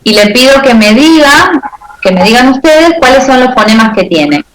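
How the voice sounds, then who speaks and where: Una profesora con acento argentino da una clase y a cada rato verifica con "¿sí?" que sus alumnos entiendan. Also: female voice, high-pitched, sing-song, moderate pace, echoey room, low-quality recording. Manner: checks understanding with frequent "¿sí?". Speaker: teacher. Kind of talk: class lecture with questions to students.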